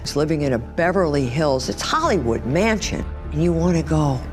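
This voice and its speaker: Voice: mid-range voice, expressive, moderate pace, over music. A speaker interviewed as an expert, thoughtful and sometimes searching for words. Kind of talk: explanatory interview.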